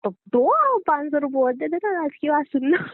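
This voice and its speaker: On a phone call, a young woman banters as a girlfriend, sassy, curt and mocking. Her high voice swings widely in pitch at a moderate pace. The recording is dry, with no room sound, and has a narrow, tinny phone-line quality.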